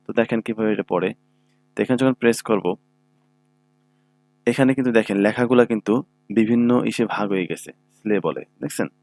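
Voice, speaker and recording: Man, computer tutorial, low-pitched, patient step-by-step, checks in often, mains hum. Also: a little fast, pauses often, a little mellow, dry recording. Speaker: computer instructor. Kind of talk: screen-recorded software tutorial. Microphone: own microphone.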